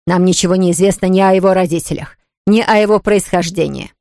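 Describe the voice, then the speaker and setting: A woman's voice: lowish voice, quick pace, mellow, dry recording, studio quality, lightly acted. A woman voicing a strict, self-pitying elderly aunt who scolds firmly. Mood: stern. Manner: firm, scolding, categorical.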